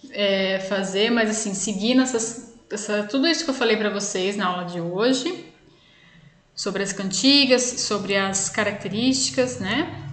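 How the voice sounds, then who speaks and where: A woman's voice: medium pitch, a bit bright. Chatty woman teacher in an echoey room. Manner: chatty, with frequent tag questions. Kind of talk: recorded video lesson.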